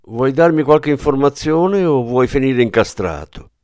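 A man voicing a grieving, menacing former policeman in an audiobook, with a hard, forceful delivery. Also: medium pitch, lively intonation, measured pace, clear, resonant tone, no room sound, clean studio sound, voice pushed up, natural voice. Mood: threatening.

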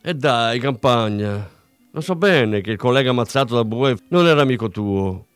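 A man's voice: medium pitch, lively intonation, moderate pace, smooth, dry recording, faint music behind, natural voice. A man reading aloud, voicing a brusque, no-nonsense senior policeman.

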